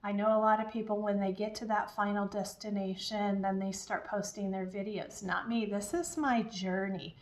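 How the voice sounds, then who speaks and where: A woman's voice: mid-range voice, fairly even intonation, moderate pace, hardly any pauses. A woman talking casually and encouragingly to her viewers as a diet vlogger, in an upbeat, chatty way. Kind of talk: casual chatty vlog talk. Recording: echoey room.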